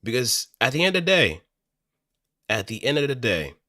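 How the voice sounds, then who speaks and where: An aspiring amateur voice actor chats casually to viewers on a close, dry studio mic, thinking aloud in a hesitant, rambling way. His mid-range voice swings widely in pitch at a moderate pace, with a bright, forceful tone.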